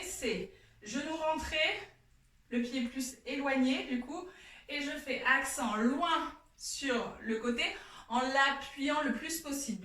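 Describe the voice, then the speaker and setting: A woman with a high voice leads a belly dance lesson, counting out beats and explaining each move as she demonstrates. She talks at an unhurried pace, with chatty asides between counts. Her voice sounds distant and bounces around a very echoey room. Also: bright, forceful tone. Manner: demonstrating moves while talking, counts aloud, chatty asides. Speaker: dance teacher.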